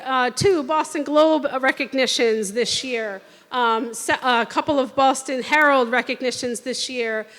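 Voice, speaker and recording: High-voiced woman announcing in a hall. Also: fairly bright tone. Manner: upbeat, announcing lists with fillers. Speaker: athletic director hosting awards night. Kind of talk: speaking at a podium to an audience. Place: school hall or gym. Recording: reverberant hall.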